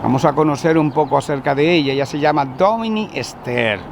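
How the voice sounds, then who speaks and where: A man with a fairly high voice hosts a church interview. He opens with blessings and guides his guest with pastoral, leading questions. Urban traffic noise is loud behind him outdoors. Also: fairly quick. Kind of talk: religious interview. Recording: noisy outdoor recording with traffic.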